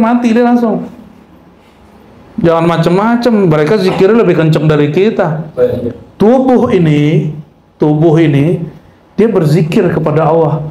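Man, religious lecturer, humorous, quizzes listeners, recites Arabic, fairly high voice, roomy echo. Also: a little mellow. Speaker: Islamic mysticism teacher. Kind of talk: religious lecture to a live audience. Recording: echoey room with faint background noise.

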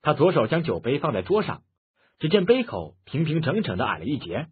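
A man narrating a martial-arts novel audiobook in an expressive storytelling manner. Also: on the high side, brisk, husky. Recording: muffled phone-like lo-fi audio.

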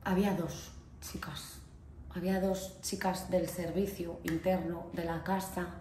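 A woman with an accent from Spain, telling a story to camera in a chatty, animated way, full of fillers and asides. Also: fairly low pitch, a little slow. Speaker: vlogger. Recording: echoey room with faint ambient noise.

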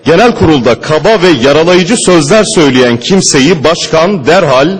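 A man giving a stern, measured speech at a podium microphone in a large parliament chamber. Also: a little high, expressive, slightly rough. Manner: stern, measured, emphatic oratory. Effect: speaking at a podium microphone. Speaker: member of parliament. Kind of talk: formal speech from a parliament rostrum. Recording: long hall reverb in a large chamber.

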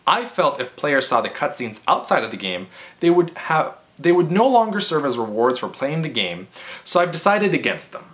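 Speaking into a webcam or camera held about arm's length away, this video game vlogger in his 20s delivers an off-the-cuff, exasperated rant indoors in his living room, stressing points hard and frequently stumbling and restarting. His voice is slightly high, moves at a moderate pace with big pitch swings, and has a fairly bright tone.

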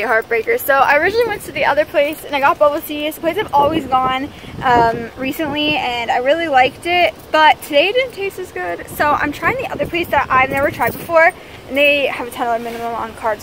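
A young woman from eastern Pennsylvania vlogging casually on a handheld phone while she walks through shops and sits in a car, bubbly, excitable and giggly. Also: high-pitched, slight background noise. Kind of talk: casual vlog. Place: walking outdoors, in shops and a car. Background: music.

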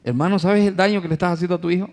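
A man's voice: high-pitched, fairly even intonation, very fast, a little mellow. A male pastor preaching a sermon to his congregation, addressing them as brothers, asking rhetorical questions and acting out everyday family scenes.

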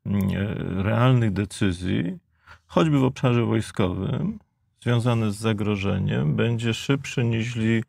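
A man in his fifties with a Polish accent sets out his views in a panel debate, measured but stumbling over restarts. His low voice has a strongly gravelly fry. The close lapel mic keeps the sound dry. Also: a little mellow, dry recording. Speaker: debate guest, geopolitical analyst. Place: studio with blue backdrop.

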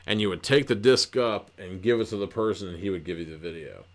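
A man's voice: low-pitched, fast talker. A man hosting a book podcast, recapping a novel in a loose, rambling way with lots of swearing and filler words. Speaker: podcast host reviewing books.

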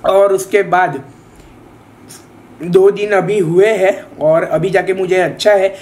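A man's voice: high voice, fairly even intonation, takes it slowly, darkish tone. A young man casually chatting to his viewers in a home vlog, playful and talkative. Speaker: vlogger.

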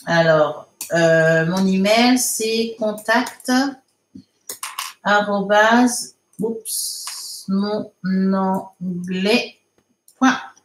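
Slow, patient woman teacher in echoey room. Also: on the high side, a little hiss or hum. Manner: slow, patient, explains step by step, frequent fillers. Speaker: English teacher. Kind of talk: live online lesson, reading and correcting viewer comments.

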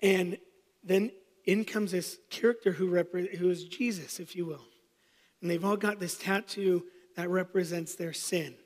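Pastor guy in his 30s, highish voice, funny story sermon, big reverby church. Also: steady tone, unhurried. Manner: storytelling, self-deprecating humor. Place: church sanctuary.

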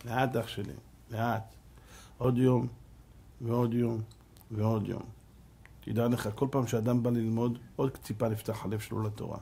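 Husky, animated middle-aged rabbi. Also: male voice, medium pitch, pauses often. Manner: animated storyteller, acts out voices. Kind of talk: Torah lesson.

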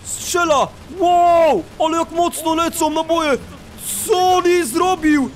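Young guy yelling through minecraft play-by-play, super high voice, fast excitable narration. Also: slight background noise. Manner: excitable, shouting and narrating the action. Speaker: YouTube host. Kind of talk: excited Minecraft gameplay commentary.

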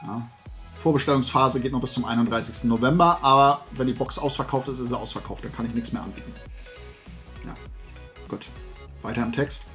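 A middle-aged man rambles casually to camera as host of a toy and comics show, set in an indoor room lined with collectibles. His mid-range voice is a bit bright and a little fast, he pauses often, and faint music sits behind him.

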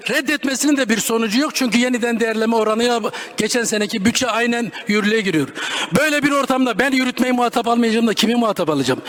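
A man giving a combative parliamentary speech at a podium microphone, arguing point by point and telling interrupters to be quiet. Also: very high voice. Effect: speaking at a podium microphone. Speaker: member of parliament, group deputy chair.

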